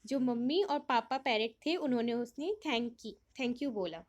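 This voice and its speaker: In an unhurried, somewhat high voice, a woman teacher helps young children through a worksheet. Each English line she reads gets a Hindi explanation, and she asks questions and then answers them herself.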